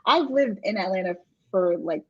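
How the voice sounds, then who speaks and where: A woman's voice: medium pitch, expressive, moderate pace, fairly bright tone, breathy edge. A woman hosting a book club livestream, chatting casually and laughing often. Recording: dull lo-fi audio.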